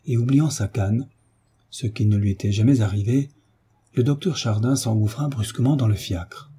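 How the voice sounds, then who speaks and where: A male audiobook narrator reading a novel in a steady, measured way. His voice is dark and very husky, set on the low side.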